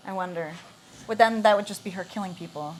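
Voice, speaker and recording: A young woman from Canada, chatting as a guest in a relaxed way full of "like" fillers. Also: mid-range voice, a little fast. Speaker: guest actor. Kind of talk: casual interview chat.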